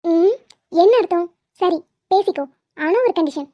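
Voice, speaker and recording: A woman voicing a jealous, dramatic young wife in an animated comedy, whiny and accusing. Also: very high-pitched, measured pace, dry recording. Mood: pouty. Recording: dull lo-fi sound.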